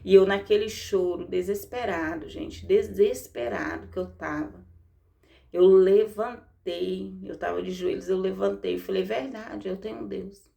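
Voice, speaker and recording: A woman's voice: medium pitch, fairly even intonation, a little slow, gravelly, mellow. A woman with a Brazilian Portuguese accent preaching a fervent devotional exhortation, repeating her phrases and calling her listeners "gente".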